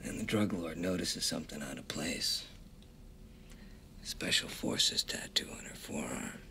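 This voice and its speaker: An actor playing a calm, dry-humored army commander who gives clipped orders in a hushed voice. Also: male voice, a bass voice, a little slow, creaky, in a whisper, heavily acted. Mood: storytelling, hushed. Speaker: commanding officer. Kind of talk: film dialogue.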